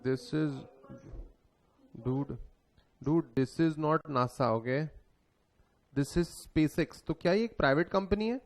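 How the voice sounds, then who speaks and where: A young Indian man giving a relaxed classroom lecture that mixes Hindi and English, asking his students questions and answering them himself. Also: on the high side, very slow, long pauses. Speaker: exam lecturer.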